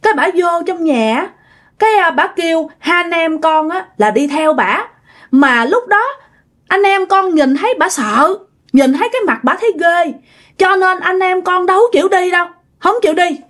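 A woman voicing a frightened five-year-old boy who talks in a high, breathless, pleading way. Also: lively intonation, normal speed, fairly bright tone.

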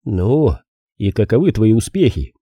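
A man voicing a gruff, blunt detective in his thirties in an audiobook. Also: fairly low pitch, big pitch swings, measured pace, dark tone, dry recording, studio quality. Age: 30s.

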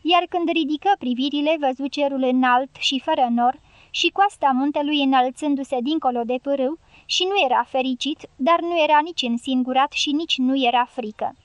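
A woman narrating a novel as an audiobook in a steady, measured way. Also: high voice, dry recording, highs cut off. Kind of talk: scripted narration.

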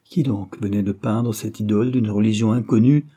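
A man narrating a classic novel in a measured, expressive audiobook reading. His voice sits low, with a dark, mellow tone and a husky grain.

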